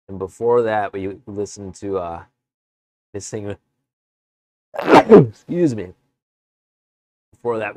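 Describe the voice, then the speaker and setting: A man streaming live from his woodworking shop, chatting casually with viewers in a relaxed, rambling way. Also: deep voice, dry recording. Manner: relaxed, rambling, chats with viewers between tasks. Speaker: woodworking livestreamer. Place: home workshop.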